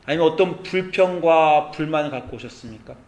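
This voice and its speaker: A man preaching as pastor, animated, at times acting out soft, pleading prayers. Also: a little high, a little fast. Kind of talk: sermon. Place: church sanctuary. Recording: echoey church sanctuary.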